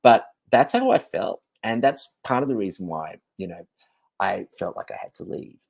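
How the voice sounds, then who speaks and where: A man's voice: on the low side, expressive, moderate pace, vocal fry, no room sound. A man hosting a show, giving a candid, rambling confessional monologue and swearing freely. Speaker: host.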